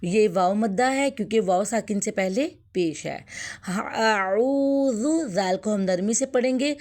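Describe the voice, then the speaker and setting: A young adult woman teaching Quran recitation rules, explaining patiently and then reciting each word slowly and drawn out. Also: medium pitch, a little mellow. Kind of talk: tajweed lesson with slow recitation.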